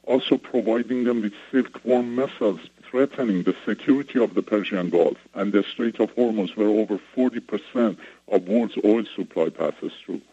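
A man from Iran, a radio show guest whose voice runs through a voice changer to hide who he is, giving a steady report-like briefing. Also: fairly low pitch, normal speed, breathy edge, no echo. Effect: voice changer disguising his voice. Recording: dull lo-fi radio broadcast.

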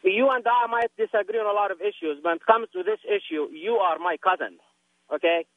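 A Palestinian man calls in to a radio phone-in show, his high voice swinging widely in pitch as he talks briskly. He is earnest and insistent, repeating himself often, and the telephone line sounds tinny, with no room sound.

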